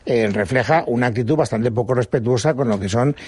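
A man's voice: medium pitch, brisk, darkish tone, slightly rough, no room sound. A man hosting a radio interview, asking long, articulate questions and offering his opinions. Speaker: radio host.

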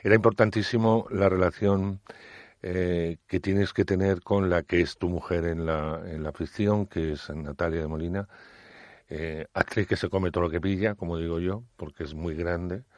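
Male interviewer, deep, measured and reflective, dry close sound. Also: steady tone, a little mellow, no room sound. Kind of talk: conversational interview.

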